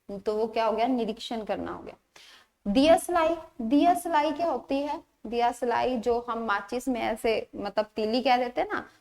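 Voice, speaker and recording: High-voiced woman teaching grammar. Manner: explains patiently, repeats words, asks rhetorical questions. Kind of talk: exam-prep grammar lesson.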